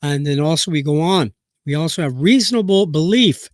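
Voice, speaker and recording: On a boxing news live stream, a Nebraskan host with a cold reads aloud in a hoarse, halting way, restarting often and using plenty of fillers. His fairly high voice sounds animated, captured in clean studio quality without echo.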